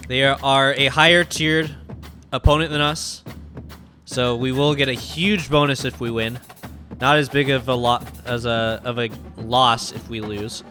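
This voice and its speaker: A man's voice: mid-range voice, a little slow, faint music behind. A young man with a stuffy, nasal voice from a cold, giving casual commentary as he plays a football video game. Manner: chatty, excited during play. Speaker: gaming YouTuber.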